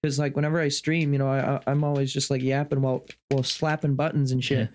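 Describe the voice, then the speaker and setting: A man's voice: mid-range voice, flat delivery, fast talker, a little mellow. A young man co-hosting a gaming podcast, chatting bluntly and stumbling over his first words. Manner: chatty, blunt, stammering starts. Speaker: podcast co-host. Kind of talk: casual chat.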